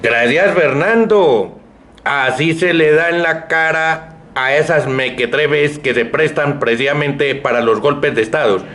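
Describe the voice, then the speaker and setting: A man's voice: fairly high pitch, unhurried, a bit bright. A man anchoring a radio newscast, editorializing emphatically and with indignation between reports. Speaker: news anchor. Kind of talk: opinionated news commentary.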